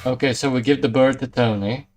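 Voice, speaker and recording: Man musing through casual gameplay, mid pitch. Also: steady tone, fairly quick, darkish tone. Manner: hesitant, musing. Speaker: let's play streamer. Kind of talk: casual gameplay commentary, thinking aloud. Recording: faint game music behind.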